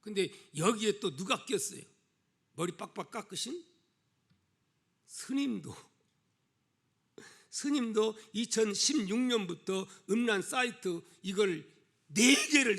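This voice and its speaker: A middle-aged male pastor delivers a sermon in a high, very bright and tense voice. A gravelly edge runs through his speech. He shifts from loud, pressing exhortation to near-whispered asides, questioning his listeners as he goes. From South Korea (Jeolla). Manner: asks the congregation rhetorical questions.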